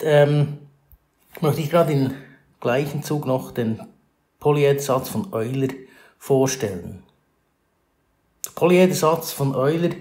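A man's voice: medium pitch, mellow, echoey room. A man teaching a math lesson over a screencast, explaining step by step with fillers and self-corrections.

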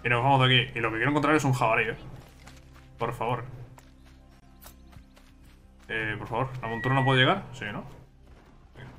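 A man with a Spain Spanish accent talks through a video game as he plays. His voice is bright and tense, and he chats along, thinking aloud and repeating his words. Faint game music plays behind him. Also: medium pitch, steady tone, normal speed, pauses often. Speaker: gaming streamer. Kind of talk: casual let's-play commentary.

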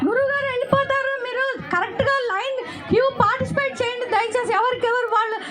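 A woman's voice: extremely high pitch, steady tone, fast talker. A woman calling out through a megaphone, pleading with a crowd to stand in line. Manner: pleading, repeats please over and over. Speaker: volunteer calling for order at a crowded temple event. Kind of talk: crowd control announcements. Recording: voice from far off over a loud crowd. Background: loud crowd chatter.

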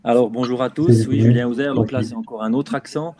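A man's voice: mid-range voice, steady tone, brisk, crowd noise. A man, a farrier and trainer, introducing himself earnestly on a video call.

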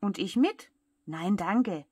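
A woman voicing a cheeky young boy in a bedtime story, with a breathy voice. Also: medium pitch, expressive, takes it slowly, no room sound. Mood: panicked. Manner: mocking, shouting.

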